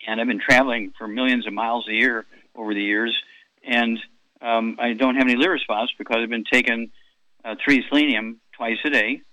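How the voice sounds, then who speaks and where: A man's voice: medium pitch, fairly even intonation, a little fast, sharp tone, dry recording, rough recording. A man in his eighties hosting a call-in radio health show, rambling through product doses with many fillers and repeats. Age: 80s.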